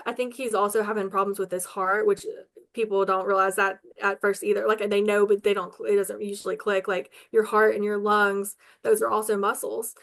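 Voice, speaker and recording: A woman answering interview questions in an earnest, chatty way, with many ums and likes. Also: medium pitch. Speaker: local advocate interviewed as guest.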